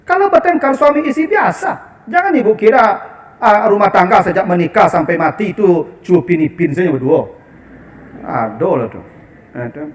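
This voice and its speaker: A man with a Minangkabau accent preaching a lively, humorous sermon and speaking directly to the women in the audience. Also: sits high, moderate pace. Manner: animated, humorous, addressing the women as "ibu".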